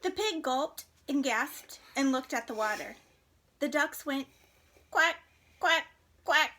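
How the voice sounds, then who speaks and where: High-voiced teacher reading a picture book. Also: female voice, slow pace. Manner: animated, coaxing, stops to scold gently. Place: home room. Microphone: computer for an online class.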